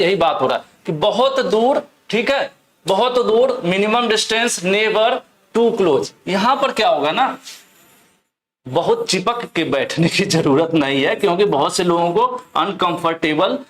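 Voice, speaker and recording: A young man with a fairly high-pitched voice walks his students through exam questions one at a time. He keeps posing questions and then answering them himself, like a patient tutor. He comes from Uttar Pradesh. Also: lively intonation, unhurried, a bit bright. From Uttar Pradesh, India. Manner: explains step by step, asks and answers his own questions. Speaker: teacher. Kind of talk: exam question walkthrough lesson.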